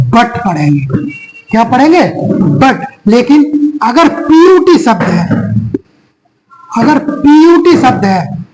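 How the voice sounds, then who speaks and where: A teacher giving a phonics lesson to young children, spelling words out letter by letter, asking a question and then answering it in a lower voice. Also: darkish tone, a little hiss or hum, rough recording. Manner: slow, repetitive drilling, spells out letters one by one.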